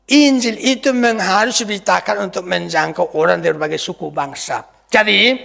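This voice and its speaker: Man, pastor, sermon, gravelly voice, questions the congregation, church reverb. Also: high-pitched. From Indonesia. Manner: asks the congregation questions, animated emphasis. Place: church hall.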